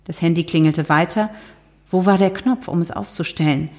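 Middle-aged woman author, a bit low-pitched, calm and wry, reading aloud and being interviewed. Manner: measured, lightly humorous, some hesitations. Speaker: author and TV journalist. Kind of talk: reading her novel, then casual interview talk.

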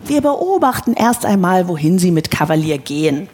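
A woman voicing a bold young pony who leads his friends, brisk and decisive. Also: on the low side, sing-song, darkish tone, husky. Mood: determined. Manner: brisk, decisive, hissing when tense.

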